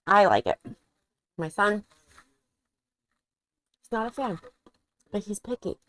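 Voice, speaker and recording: A woman's voice: mid-range voice, very animated, takes it slowly, fairly bright tone. A woman vlogging a cooking demonstration in her home kitchen, chatting casually and thinking aloud as she cooks and tastes.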